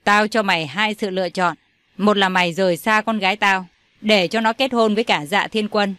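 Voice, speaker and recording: A woman's voice: medium pitch, steady tone, normal speed, fairly bright tone, dry recording, close to an everyday voice. A harsh old patriarch who barks orders at his family, as a woman reads him. He sounds commanding and domineering, in the dry, close sound of an audio storybook. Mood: scornful. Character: furious old male patriarch, domineering father.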